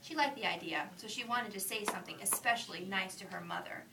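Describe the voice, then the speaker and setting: A woman reading a children's picture book aloud, putting on lively character voices and dropping into soft whispered asides. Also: mid-range voice, fast, gravelly, recorded from a distance, noisy background. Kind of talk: read-aloud storytelling.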